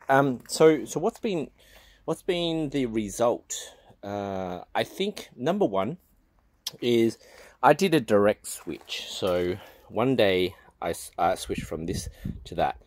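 Male gardening vlogger, deep voice, halting casual delivery, phone-filmed outdoors. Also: no echo. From Australia. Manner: hesitant, many fillers and restarts. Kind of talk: casual talk to camera. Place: backyard chicken run, outdoors.

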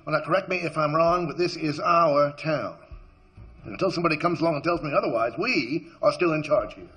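An actor playing a stubborn small-town police captain who talks in a drawling, homespun way. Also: male voice, a little high, brisk, fairly bright tone, lightly acted. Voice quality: drawling, homespun turns of phrase.

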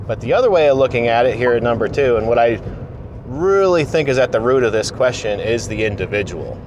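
A man's voice: mid-range voice, expressive, brisk. A man in his late thirties, an apprentice aircraft mechanic, talking casually and encouragingly to camera in his car. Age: 30s. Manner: plain-spoken, encouraging, direct. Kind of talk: casual commute vlog. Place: inside a car. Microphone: camera mounted on the dashboard. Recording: car recording with clear road noise. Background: car and road noise.

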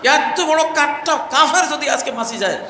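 A man acting out zealous male archangel, urgent, exclamatory, high pitched, big hall reverb. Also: lively intonation, moderate pace, sharp tone, full character voice. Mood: indignant. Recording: echoey hall, faint noise.

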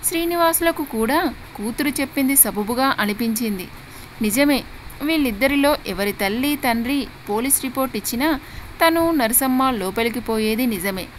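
A woman's voice: high voice, moderate pace, a little hiss or hum. Woman narrating a storybook. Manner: steady, expressive storytelling.

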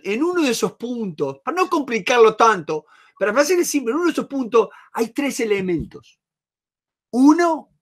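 A man with an Argentine accent teaching a negotiation class, emphatic and repetitive, acting out short examples. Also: very high voice. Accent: Rioplatense Spanish. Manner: emphatic, repeats key words, acts out examples. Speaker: negotiation trainer. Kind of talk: lively online masterclass.

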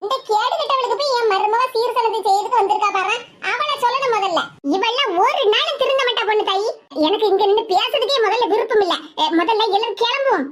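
A woman voicing a fiery older village mother who scolds her daughter sharply, with a Tirunelveli Tamil accent. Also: extremely high pitch. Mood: angry. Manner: sharp, scolding, rapid-fire complaints.

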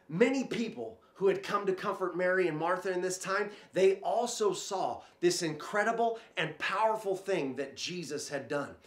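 A man's voice: high voice, a bit bright, roomy sound. Earnest man telling a Bible story. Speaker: children's pastor. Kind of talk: Bible story and prayer for kids.

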